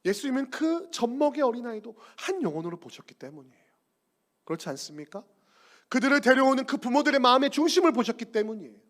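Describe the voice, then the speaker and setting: A man preaching as pastor, who swells high and loud in fervent passages, then drops low, and acts out quoted lines. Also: lively intonation, fast. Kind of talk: sermon.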